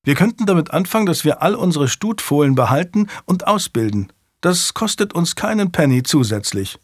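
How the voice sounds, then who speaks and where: A man's voice: a little high, sing-song, moderate pace, dry recording, clean studio sound, pitched above the performer's own voice. A man doing an earnest young lord. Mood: eager.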